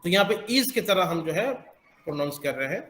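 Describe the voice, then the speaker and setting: A man teaching English pronunciation, explaining slowly with many hesitant pauses. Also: high voice, animated, a bit bright, reverberant. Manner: slow, halting, many filler pauses. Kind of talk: explanatory classroom lesson.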